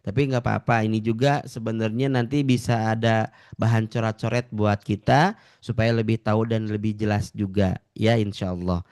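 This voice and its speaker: A man's voice: fairly low pitch, level tone, clean tone. A man teaching Quran recitation in an online class, patiently drawing out and repeating sounds for his students. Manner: slow drawn-out model recitation, repeating sounds; patient, addresses listeners as ladies and gentlemen.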